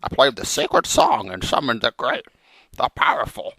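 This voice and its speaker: A man voicing a melodramatic, vengeful frog hero in theatrical comic storytelling, with a gravelly cartoon-like voice. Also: mid-range voice, wildly swooping pitch, normal speed, bright, forceful tone, no echo, exaggerated voice. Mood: dramatic storytelling. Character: melodramatic, vengeful male frog hero telling his journey.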